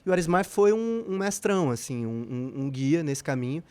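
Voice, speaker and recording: Man, Brazilian accent, podcast guest, casual interview, reflective, rambling, slightly high voice. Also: big pitch swings, fairly quick, a little mellow, clear, resonant tone. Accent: Brazilian Portuguese. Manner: reflective, rambling with many fillers. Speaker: musician guest.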